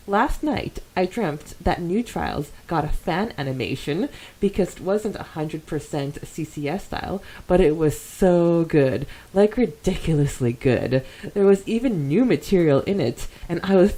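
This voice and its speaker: A woman with a warm, mid-range voice co-hosts a podcast, chatting casually and reading out fan comments. She's giggly and girlish, throwing in slang and saying "like" constantly.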